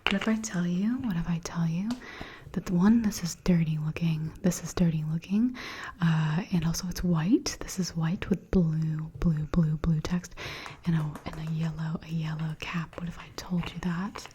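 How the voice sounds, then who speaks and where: A woman's voice: on the low side, steady tone, normal speed, dark tone, slight background noise. A woman whispering repetitive ASMR trigger phrases over tapping and lid sounds. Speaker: ASMR creator.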